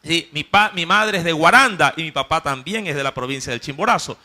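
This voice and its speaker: A man with a coastal Ecuadorian accent preaching a sermon. He talks fervently, keeps checking in with his listeners, and swings from loud emphasis to quiet asides. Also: fairly high pitch, fairly quick.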